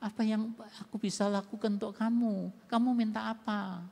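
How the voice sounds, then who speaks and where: A man preaching a sermon as pastor, animated and acting out voices, with sharp swings in loudness. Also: high voice, normal speed, vocal fry. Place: church sanctuary. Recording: long church hall reverb.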